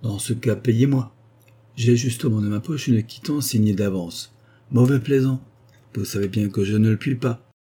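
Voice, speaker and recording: A man's voice: on the low side, moderate pace, dark tone, breathy edge. A man voicing a miserly old rustic wood merchant who talks bluntly and mockingly, in an audiobook. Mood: gruff.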